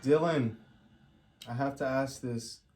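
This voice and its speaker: Male, paranormal session host, medium pitch, earnest short questions, gentle, roomy sound. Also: steady tone, slow. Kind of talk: spirit box session, questioning aloud. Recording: echoey room with music behind.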